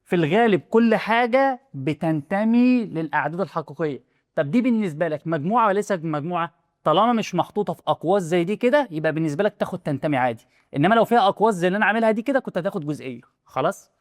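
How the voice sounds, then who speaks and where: A man's voice: sits high, lively intonation, dry recording, clean studio sound. A young man with an Egyptian Arabic accent explaining a math lesson in a casual, chatty way, often checking whether the student follows. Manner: rapid, chatty, asks the student rhetorical questions. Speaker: math teacher.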